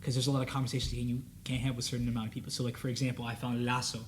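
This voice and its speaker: A young man, Spanish being his first language, races through his points as a student panelist in a relaxed discussion. He sounds earnest and reflective, with many fillers, a flat medium-pitched delivery, and slight background noise.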